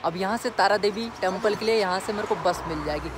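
A man's voice: high voice, fast, noisy background. A young man filming a casual travel vlog on a phone at arm's length outdoors, talking straight to his viewers in a chatty way. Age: young adult. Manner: chatty, addresses viewers directly. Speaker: travel vlogger. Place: outdoors on a windy hill road. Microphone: phone camera at arm's length.

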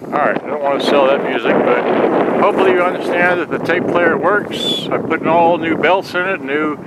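A seller with a slightly high, fairly quick voice rambles through an unscripted demo of a repaired boombox, muttering to himself. He's in a grassy open yard outdoors, speaking from behind a handheld camera. Loud wind and outdoor noise run through the clip.

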